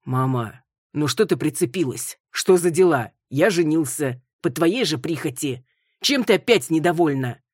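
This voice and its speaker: A woman's voice: sits low, animated, moderate pace, few pauses, a little mellow, breathy edge, no room sound, studio quality. A woman reading an exasperated young man. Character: irritated hungover young man, defensive son.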